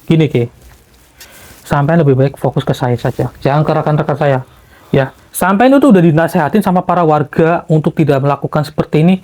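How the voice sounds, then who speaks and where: Calm man mediating. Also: fairly high pitch, fairly quick. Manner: calm mediator, frequent Islamic invocations. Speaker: host, paranormal team leader.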